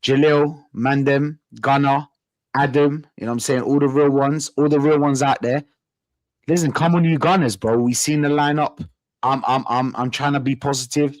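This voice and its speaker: A man's voice: medium pitch, fairly even intonation, normal speed, a little mellow, no room sound, poor audio. A man hosts a football fan stream in a London roadman accent. His talk is casual banter full of street slang, with phrases repeated for emphasis. The sound is dry and close, with little room around the voice.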